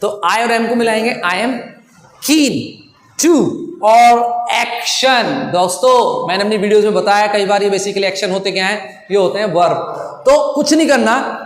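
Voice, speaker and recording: A man's voice: high voice, normal speed. Indian-accented man, English teacher, friendly, spells words out, echoey room with long reverb. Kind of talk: online English lesson.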